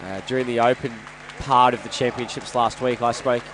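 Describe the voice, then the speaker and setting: A man's voice: medium pitch, little pitch movement, fairly quick, fairly bright tone, a faint crowd, a little hiss or hum, poor audio. An Australian man commentating on sport in a jokey, self-deprecating way, with a blocked, nasal voice as if his nose is pinched by a cold. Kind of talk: live match commentary and banter. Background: indoor sports venue with games nearby.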